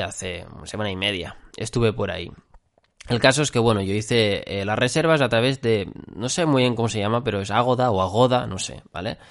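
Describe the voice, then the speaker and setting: A man from hosting a casual solo podcast, rambling and often tacking on quick check-ins with his listeners. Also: lowish voice, vocal fry. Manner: rambling, full of fillers and "¿vale?" check-ins. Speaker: podcast host.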